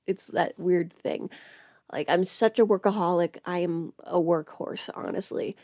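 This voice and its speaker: Low-leaning and dark in tone, this woman's voice stays steady at a measured pace, recorded in studio quality with no echo. She's hosting a casual livestream from home as an audio creator while sick with covid, rambling, thinking aloud and breaking into her own sentences.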